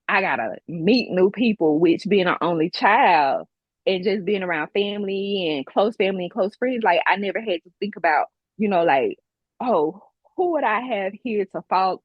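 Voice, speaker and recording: A woman from Mississippi with a Mississippi-Alabama Southern twang, chatting casually as an interview guest and telling lively stories. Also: mid-range voice, husky, dry recording, highs cut off. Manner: lively storyteller, acts out voices in anecdotes.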